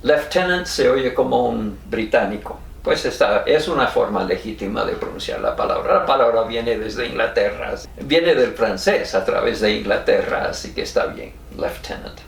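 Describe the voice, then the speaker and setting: A man with an American English accent, his first language, teaching a spelling lesson in Spanish, slowly spelling out letters one by one and chuckling now and then. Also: on the low side, animated, creaky, a little hiss or hum. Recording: roomy sound from a distance.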